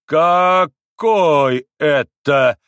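A man's voice: fairly high pitch, expressive, takes it slowly, no room sound, clean studio sound, pitched above the performer's own voice. A man doing a pompous, clipped doctor. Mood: indignant. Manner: clipped, pompous, stressing each syllable. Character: haughty impatient middle-aged male doctor.

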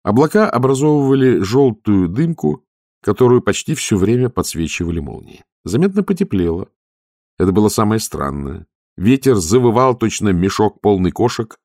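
A man narrating an audiobook in a measured storytelling manner. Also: fairly low pitch, very animated, darkish tone, dry recording, studio quality. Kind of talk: scripted narration.

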